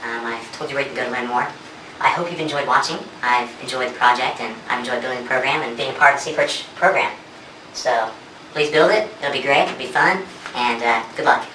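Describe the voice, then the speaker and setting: Echoey, distant man giving quick instructions. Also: mid-range voice, bright, forceful tone. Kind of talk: instructional how-to walkthrough. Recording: echoey, distant mic, faint noise.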